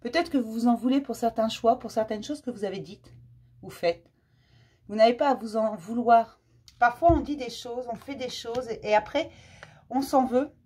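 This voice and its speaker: A woman's voice: on the high side, moderate pace, dark tone, slightly rough. A woman giving a casual spoken card reading as host, talking directly to listeners in an informal, reassuring way.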